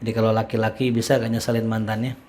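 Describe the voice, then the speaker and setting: Joking ustadz lecturing. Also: male voice, on the low side, little pitch movement, fast, a little mellow. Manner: joking, colloquial, reads Arabic phrases then explains. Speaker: ustadz teaching a religious study class. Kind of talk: casual Islamic study lecture.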